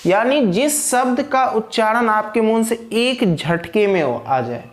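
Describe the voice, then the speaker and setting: A man teaches an English grammar lesson at a measured pace, his high voice full of lively intonation. He keeps posing questions and answering them himself, repeating key words for his viewers.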